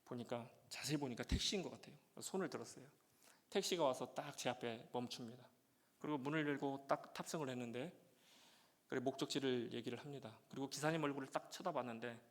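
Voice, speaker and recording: A male pastor giving a sermon with a personal testimony, telling his story with many "예" fillers and breaking into loud, emotional prayer. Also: medium pitch, a little fast. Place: church sanctuary. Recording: long church reverb.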